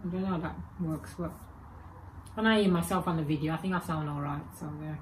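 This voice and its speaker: Low-pitched and quick, this vlogger in her forties rambles and self-corrects during a casual chat to camera. She speaks Birmingham English with Jamaican and Egyptian traces, is from England, and films on a webcam or phone camera at her desk in a home room with spooky shelves; the audio is poor, with slight background noise.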